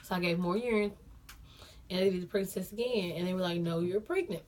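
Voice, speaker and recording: A woman's voice: lowish voice, fairly even intonation, fast talker, a little mellow. Young woman, casual storytime vlogger, talks straight to viewers, repeats lines for emphasis. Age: young adult. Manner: chatty, addresses viewers as y'all, repeats phrases for emphasis.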